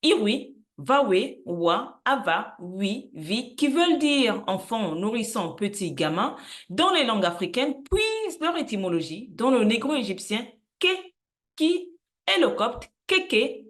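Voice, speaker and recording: A woman presenting an educational explainer, listing words slowly and carefully, with frequent hesitations. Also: fairly high pitch, big pitch swings. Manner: unsure of pronunciation in languages she does not speak. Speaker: channel host presenting word roots.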